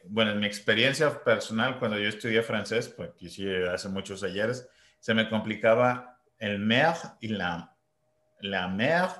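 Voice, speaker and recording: A man's voice: lowish voice, a bit bright, echoey room. A man hosting an interview, an English teacher sharing his own reflective anecdotes. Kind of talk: interview conversation.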